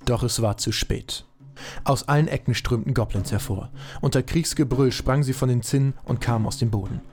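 A man's voice: mid-range voice, brisk, darkish tone. A man narrating an amateur audio drama in a dry, matter-of-fact way.

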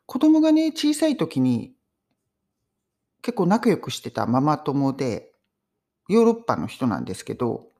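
Lively Japanese woman teaching English. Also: low-pitched, moderate pace, pauses often. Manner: chatty, animated storytelling with laughs. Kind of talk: casual English lesson.

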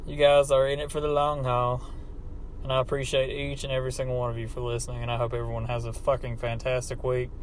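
A man's voice: mid-range voice, completely flat delivery, fast. A man with an Appalachian hillbilly accent recording a casual, unscripted, profane and self-deprecating podcast monologue in a car. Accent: Appalachian hillbilly American. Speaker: podcast host. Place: inside a car. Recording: background car noise, amateur setup.

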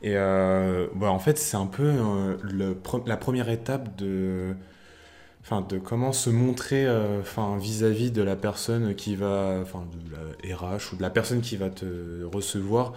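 A man's voice: sits low, unhurried, a little mellow. A young adult man hosting a casual podcast debate, asking the questions and steering the topic, talking hesitantly with many fillers and restarts. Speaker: podcast host.

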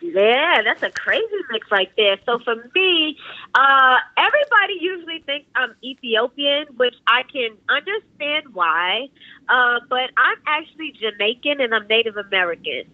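A woman's voice: high voice, very animated, normal speed, no room sound. A woman in her twenties, a DJ, telling her story in a laid-back, slangy way and laughing often. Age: 20s. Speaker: DJ guest. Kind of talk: casual interview chat. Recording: tinny phone-like line, dry.

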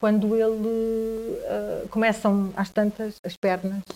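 A woman with a European Portuguese accent shares a personal story as a guest in a conversation. Her mid-range voice is warm but flat in delivery, and her speech halts with frequent restarts and repeated words.

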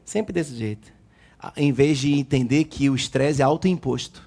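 A man preaching a lively sermon, joking with the congregation and acting out quotes. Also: mid-range voice, moderate pace. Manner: animated, jokes with the congregation, acts out quotes. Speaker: pastor.

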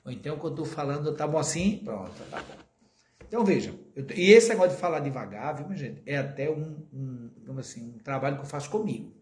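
A man with a Brazilian Portuguese accent gives a spiritist talk to a live audience, chatty and full of questions thrown back at the listeners. His voice sits a little high for a man. The sound rings in an echoey hall. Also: fast, few pauses, a little mellow. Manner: conversational, asks the audience questions and jokes. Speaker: spiritist lecturer.

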